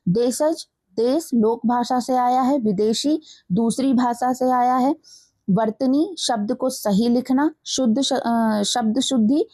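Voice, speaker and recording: A woman teacher giving an exam-prep grammar lesson, reading words out slowly and carefully and repeating each one. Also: fairly high pitch, mellow, no echo. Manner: slow, careful word-by-word dictation, repeating each word.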